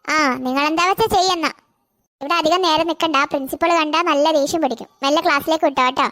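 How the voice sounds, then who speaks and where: Performer as gentle cartoon teacher, high voice, dry close sound. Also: fairly even intonation, fast talker, no echo. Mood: instructing. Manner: gentle, instructing. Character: kind female schoolteacher. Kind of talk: cartoon voice acting.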